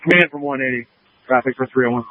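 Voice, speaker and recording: A man's voice: mid-range voice, fast talker, dry recording. A man speaking as a fire officer in urgent firefighter radio traffic, heard through a two-way radio. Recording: narrow, phone-like two-way radio.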